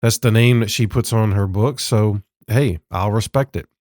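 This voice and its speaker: A man's voice: on the low side, moderate pace, darkish tone, no echo, studio quality. Sarcastic man, under the weather. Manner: sarcastic, self-deprecating, conversational. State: rough-sounding from illness. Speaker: podcast host. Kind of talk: casual book-review monologue.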